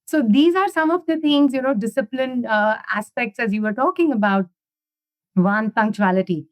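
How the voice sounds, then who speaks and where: Speaking at a moderate pace, this Indian interview guest has a somewhat high voice captured dry and up close. Her casual conversation runs long, with stories constantly punctuated by "you know" and "right?"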